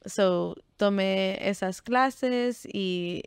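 A young woman from Texas speaks in a smooth, clean voice, recorded close and dry. She chats casually as a guest, sprinkling English fillers through her Spanish. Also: medium pitch, extremely slow, no echo. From Texas, United States. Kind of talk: casual interview conversation.

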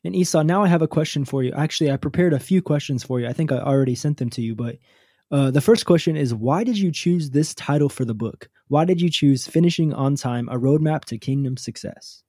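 Mellow-voiced podcast host man. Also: on the high side, a little fast, no room sound, studio quality. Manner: polite and encouraging. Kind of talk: interview questions.

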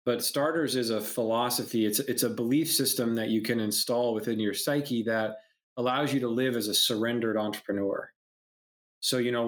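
A man, an entrepreneur and mentor, talking casually in a conversation and acting out customers while he tells stories. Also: medium pitch. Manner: animated storyteller, acts out quoted customers, swears, many restarts.

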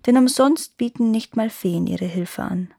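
A woman reading the part of a kind, helpful good fairy in a storybook tale, speaking gently and softly. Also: fairly high pitch, unhurried, vocal fry, no echo, studio quality. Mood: kindly.

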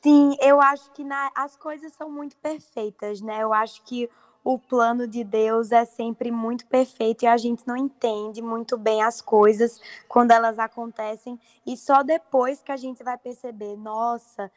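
Paraíba-accented young woman, high and dry. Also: steady tone, unhurried, no echo. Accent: Paraíba Brazilian Portuguese. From Paraíba, Brazil. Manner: earnest, fluent, many fillers. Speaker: actress guest. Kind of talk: casual interview chat.

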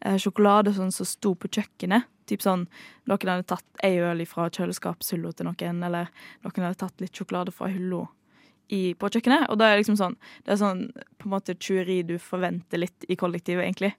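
A woman's voice: lowish voice, steady tone, no echo. A woman casually telling a rambling story on the radio, with many fillers.

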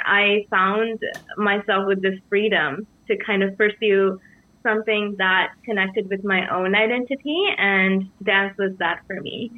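A young woman from Sri Lanka, a dance company co-founder, answering interview questions in a measured, reflective way. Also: mid-range voice. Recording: dry, tinny phone-like sound.

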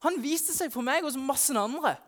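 At a family church service, a youth pastor with a very high-pitched voice tells the Easter story in the first person, addressing the children in a lively, exclamatory way.

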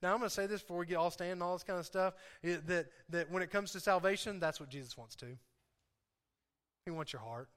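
Male preacher, high and forceful voice, informal but impassioned, hammering repeated phrases home to his congregation. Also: fast talker, clear, resonant tone. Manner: informal, conversational asides. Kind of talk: sermon to a congregation.

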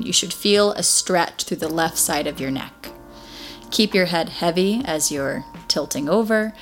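A woman with a fairly low voice teaches a guided Pilates class. She gives encouraging instructions one step at a time. Music plays faintly behind her. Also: fairly bright tone.

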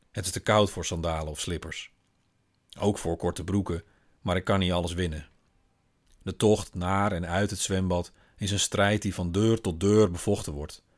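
A man, a father, reading a first-person literary story in a calm, wry, observant manner. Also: low voice. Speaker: father and narrator.

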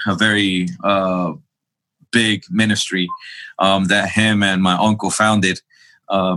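A young pastor from Queens, New York shares his testimony as a podcast guest in a casual interview, speaking conversationally with fillers and restarts. His voice is fairly low and sharp, and the audio quality is poor.

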